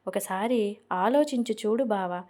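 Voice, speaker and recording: A woman's voice: medium pitch, normal speed, mellow, close to an everyday voice. A woman voicing an angry middle-aged father who pleads for his daughter's marriage in an audio novel.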